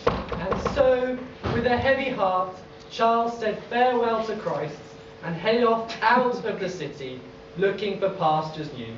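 A solemn pantomime narrator played by a man tells the tale in a high male voice. The sound is echoey and noisy, picked up from the back of a theatre. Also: animated, measured pace, recorded from a distance, dull audio. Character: solemn pantomime storyteller in third person. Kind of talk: scripted stage narration. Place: on stage in a theatre hall.

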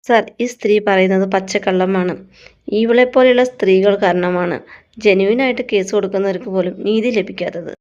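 A woman's voice: medium pitch, a little fast, darkish tone, lo-fi sound, close to an everyday voice. A woman reading the lines of a young woman who earnestly pleads with a police officer. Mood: indignant.

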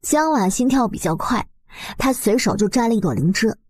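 A woman's voice: a little high, expressive, normal speed, a little mellow, slightly rough, dry recording. A woman narrating a webnovel story expressively, in a colloquial, dramatizing storyteller's manner.

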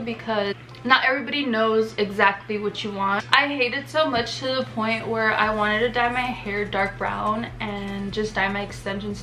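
A woman's voice: on the high side, sharp tone, poor audio. A young woman in her twenties from Texas, chatting frankly to camera in her bedroom with lots of fillers and some swearing. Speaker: beauty vlogger. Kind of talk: casual vlog chat. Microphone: camera on a tripod.

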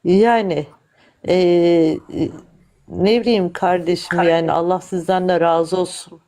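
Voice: medium pitch, fairly even intonation, a little slow, a little mellow. A livestream participant chatting casually in a hesitant, respectful manner. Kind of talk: casual chat.

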